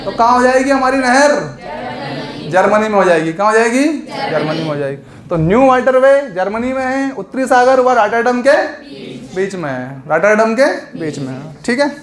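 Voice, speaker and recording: A man's voice: very high voice, very animated, moderate pace, crowd noise. A man teaching an exam coaching lesson, explaining memory tricks and asking the class questions that he answers himself. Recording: echoey room.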